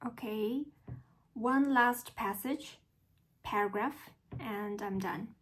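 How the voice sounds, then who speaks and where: A woman practicing pronunciation by reading a passage aloud slowly and carefully, asking an AI for corrections. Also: on the high side, a little hiss or hum, poor audio. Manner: slow, careful, even reading. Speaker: language learner.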